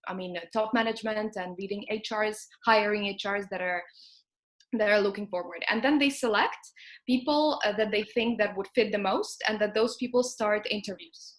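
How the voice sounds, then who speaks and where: A woman's voice: medium pitch, normal speed. A young woman from Ukraine, an alumna guest in an online interview, talking with many fillers and self-corrections. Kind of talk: conversational interview.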